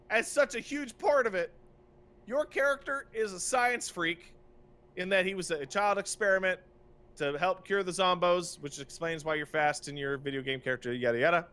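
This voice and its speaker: Swearing without restraint, a podcast co-host vents his opinions in an exasperated, emphatic rant, echoing phrases for effect. He has a high voice with a sharp edge.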